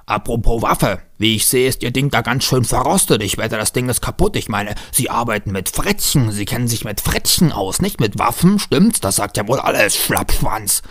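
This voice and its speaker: A gruff, small-minded train driver with a scornful, bossy way of talking, his voice rising and falling with contempt, as a man puts him on. He sneers at everyone in his way. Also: mid-range voice, lively intonation, moderate pace, hardly any pauses, a bit bright.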